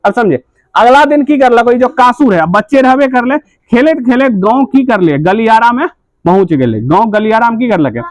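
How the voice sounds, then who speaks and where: A man's voice: very high-pitched, expressive, normal speed, dry recording. A male teacher with a Bihari accent explaining a story in a class lesson, keeps asking quiz questions and answering them himself, repeating key points. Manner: repetitive, drilling key points.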